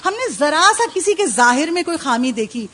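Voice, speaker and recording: High-voiced woman preaching with passion. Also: expressive, sharp tone. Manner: impassioned preaching with rhetorical questions and acted household voices. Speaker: female religious speaker (zakira) at a majlis. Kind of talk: Muharram majlis sermon.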